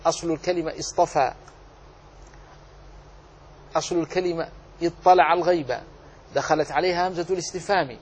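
A man teaching the rules of Quran recitation, explaining slowly, drawing out example words and asking and answering his own questions. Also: a little high, steady tone, breathy edge. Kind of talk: tajweed lesson.

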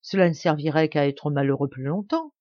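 A woman's voice: low voice, brisk, mellow, no echo, pitched below the performer's own voice, close to an everyday voice. Woman reading as a fretful peasant wife. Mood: musing. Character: quarrelsome poor peasant wife, impulsive. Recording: dry, slightly dull home recording.

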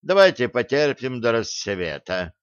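A sullen soldier who argues for caution, as a male reader voices him, measured and stiffly polite. The audiobook recording is dry and a bit dull. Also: mid-range voice, big pitch swings, smooth, dry recording. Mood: gloomy. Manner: gloomy, deliberate, overly polite.

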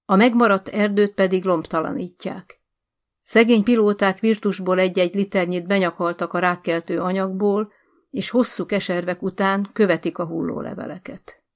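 A woman narrating an audiobook short story in a calm, measured literary reading. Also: medium pitch.

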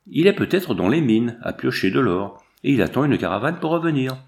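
A man reading aloud, voicing a talkative young male traveler who reassures a grieving family in a smooth, glib way. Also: mid-range voice, sing-song, fairly quick, a little mellow. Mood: reassuring.

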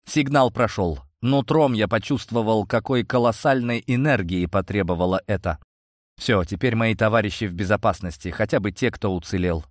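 Low-voiced male audiobook narrator. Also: moderate pace, dry recording, studio quality. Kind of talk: first-person audiobook narration.

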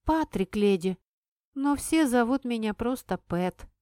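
A woman voicing a stubborn ten-year-old village boy who talks gruffly and sniffles in an audiobook. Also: medium pitch, unhurried, no echo, studio quality, close to an everyday voice. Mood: timid. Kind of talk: audiobook character voice.

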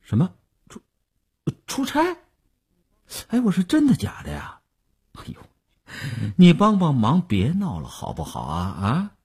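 A man's voice: mid-range voice, wildly swooping pitch, a little slow, a little mellow, slightly rough, full character voice. A man reading a radio novel aloud, voicing a boastful, self-satisfied male stock speculator who chuckles and coaxes. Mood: pleading. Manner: bragging, chuckling, coaxing.

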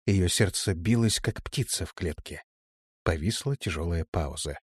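Guy reading a fantasy audiobook, lowish voice, dry close sound. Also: moderate pace, a little mellow, husky, no echo. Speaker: audiobook narrator. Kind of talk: scripted narration.

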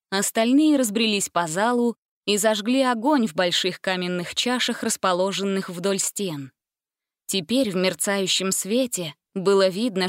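A woman narrating a fantasy storybook in a measured, clear voice of middle pitch. The recording is close and dry, with no room sound. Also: no room sound. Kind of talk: storybook reading.

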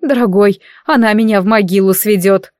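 A woman's voice: mid-range voice, normal speed, a little mellow, dry recording, clean studio sound, natural voice. A woman doing a melodramatic noble mother. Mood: complaining. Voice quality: thin voice. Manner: melodramatic complaining. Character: theatrical, fainting noble mother, middle-aged. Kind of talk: audiobook character voice.

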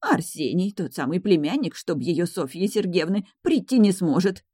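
A woman's voice: fairly low pitch, expressive, moderate pace, mellow, husky, no echo, studio quality. A woman reading an audiobook, voicing a flustered, coquettish older female manager in a raised, gushing voice. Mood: flustered pleading.

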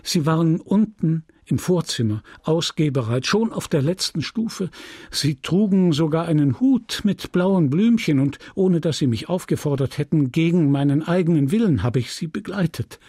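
A man reading the part of a shy, ardent young male clerk, earnest and softly pleading. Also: a little high, animated, moderate pace, husky, no echo, studio quality. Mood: wistful.

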